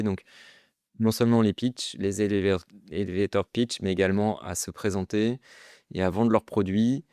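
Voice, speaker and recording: A French man, a startup founder, talking casually as a guest in an interview, pausing often with fillers and restarts. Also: fairly low pitch, a little mellow, smooth, no echo, clean studio sound. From France. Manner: hesitant, many fillers and restarts. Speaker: guest entrepreneur.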